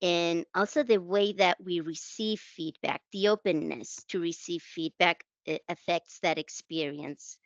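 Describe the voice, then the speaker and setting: In a conversational interview, a woman from the Canary Islands, there as a guest translator, reflects on her work through self-deprecating anecdotes in Spanish-accented second-language English. Her voice is on the low side, a little slow, with hardly any pauses. The audio is dry and dull.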